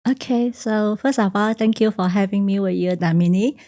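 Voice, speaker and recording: A career coach from China, whose first language is Teochew, shares personal stories as a guest in a studio podcast interview. Her medium-pitched voice moves at a moderate pace, soft-spoken and reflective, with simple phrasing and small grammar slips.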